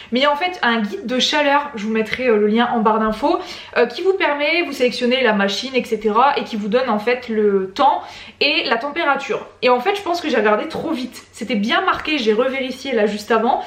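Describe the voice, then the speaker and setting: A woman with a French accent and a distinctly high voice chats casually to her vlog audience. She is recorded at home, and the room adds a clear echo around her words. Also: fairly bright tone. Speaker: vlogger. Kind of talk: casual chatty studio vlog. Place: indoors at home. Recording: echoey indoor room.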